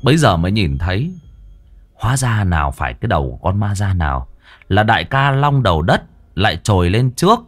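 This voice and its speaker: A man's voice: fairly low pitch, sing-song, fairly quick, faint music behind. A man narrating a ghost story in a dramatic storytelling manner.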